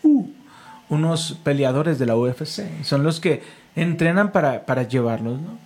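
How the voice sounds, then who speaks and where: A man's voice: a little high, lively intonation, moderate pace, a little mellow, soft background music, poor audio. A man, a pastor and podcast host, preaching casually, telling stories and leading a call-and-response prayer. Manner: leads call-and-response prayer, fervent and storytelling.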